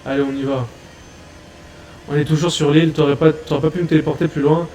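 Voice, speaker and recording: Slangy, excitable man reacting to comics. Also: on the high side, quick pace, slight background noise. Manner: excitable, slangy banter with repeated phrases. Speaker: reaction video host. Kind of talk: casual reaction commentary.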